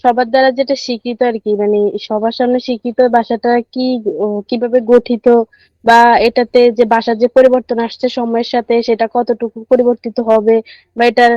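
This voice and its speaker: A woman's voice: on the high side, little pitch movement, a little fast, no room sound, dull audio. A young woman student answering her teacher hesitantly and apologetically. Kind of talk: answering in class.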